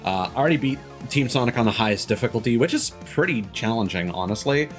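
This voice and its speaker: A male live streamer commentates on a video game in a casual, rambling way, often stopping mid-thought and restarting his sentences. His mid-range voice is expressive and he talks fast, with soft music playing in the background.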